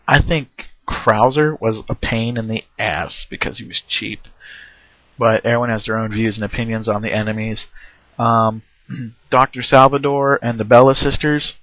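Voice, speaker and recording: A man giving a casual, rambling spoken review of a video game, with many fillers and restarts and frequent throat clearing. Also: mid-range voice, fairly bright tone, no room sound. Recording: dull, lo-fi home recording.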